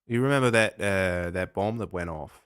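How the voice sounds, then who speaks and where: A man voicing a boastful Australian salesman who buries chimpanzees, rambling through made-up chemistry in a low, bright voice. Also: moderate pace, smooth, no echo, clean studio sound. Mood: bluffing salesman. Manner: rambling, sales-pitch bluster with fake chemistry.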